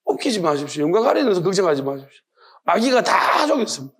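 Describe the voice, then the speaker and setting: A man's voice: sits high, very animated, quick pace, fairly bright tone. A male pastor with a Gyeongsang accent preaching a sermon, firing off rhetorical questions with emphasis.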